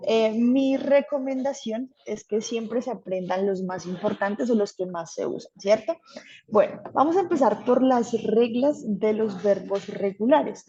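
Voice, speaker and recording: A woman's voice: a little high, a little slow, mellow, highs cut off. A woman teaching an English grammar class, patient and checking in often with her students. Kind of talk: online class explaining grammar.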